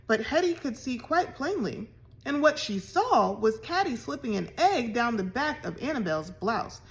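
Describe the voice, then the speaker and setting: Female read-aloud narrator, fairly high voice, very lively delivery. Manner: expressive storytelling. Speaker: reader. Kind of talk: reading a novel chapter aloud.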